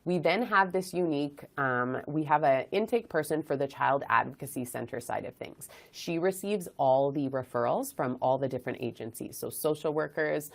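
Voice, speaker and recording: A woman's voice: deep voice, normal speed, gravelly, hardly any pauses. A woman hosting an informational webinar, explaining her program steadily with frequent ums. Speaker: webinar host, child advocacy director.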